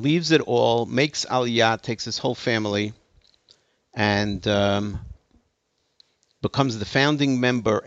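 A man's voice: lowish voice, gravelly, no echo, muffled recording. A man giving a lecture to an audience, telling a story emphatically with hesitant restarts. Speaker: speaker giving a talk.

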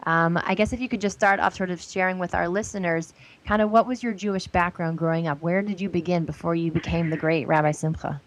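A podcast host conducts a casual interview in a fairly low, fairly quick voice with fairly even intonation. She comes across as earnest and says "um" and "like" a lot.

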